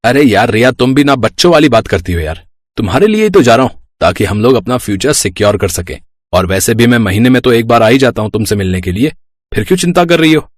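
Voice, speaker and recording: A man's voice: medium pitch, very animated, fast talker, no echo, studio quality. A man as an easygoing young husband. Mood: coaxing. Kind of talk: storybook voice acting.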